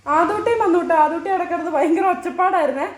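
A woman's voice: very high voice, quick pace. A woman in her thirties, a mother chatting casually at home for her family vlog, doting and teasing.

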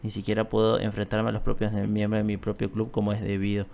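Guy reading a calm club president girl from a game, gentle and composed, lowish voice, game music behind. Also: quick pace, vocal fry. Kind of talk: reading game dialogue aloud.

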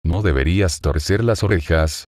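Scolding young wife in an audio novel, read low and dry, as a male narrator puts her on. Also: normal speed, a little mellow, no echo. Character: young mother, sharp-tongued wife.

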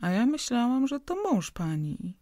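A woman voicing a blunt, grumbling working-class caretaker in an audiobook, with coarse, loud folk speech. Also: fairly high pitch, big pitch swings, measured pace, dry recording, studio quality, pitched above the performer's own voice. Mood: familiar chatty.

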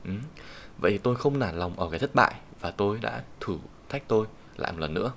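Low-voiced Vietnamese man teaching kanji. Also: lively intonation, vocal fry, a bit bright. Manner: patient, explanatory, reads Japanese sentences slowly. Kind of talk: online lesson explaining kanji readings. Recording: faint background hiss and keyboard typing.

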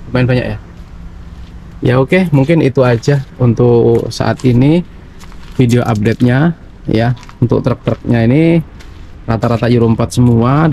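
Speaking in a mellow, medium-pitched voice with vocal fry, this channel host reviews used cars at an outdoor auction yard. He has a Javanese Indonesian accent and chats with his viewers, addressing them as Mas Bro, over faint background noise from outside.

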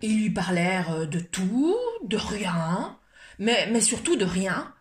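Slow, animated woman reading a picture book. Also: mid-range voice, reverberant. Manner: expressive, lively storytelling. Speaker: library storyteller.

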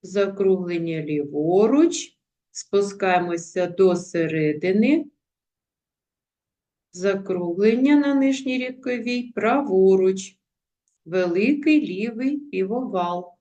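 A woman's voice: medium pitch, lively intonation, slow pace, warm tone. A woman teacher giving a video lesson to young pupils. She speaks carefully and sounds out words syllable by syllable. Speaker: primary school teacher.

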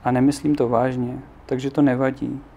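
Man reading a dreamy young boy, earnest, gravelly, slightly higher voice, storybook. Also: level tone, dark tone, dull audio.

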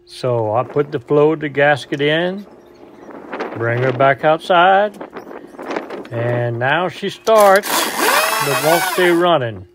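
A vintage outboard motor mechanic narrates his repair work for a casual vlog, folksy and matter-of-fact, calling the motor "her." His fairly high voice takes it slowly with frequent pauses, and background noise is audible as he moves between the workshop and outdoors by the water.

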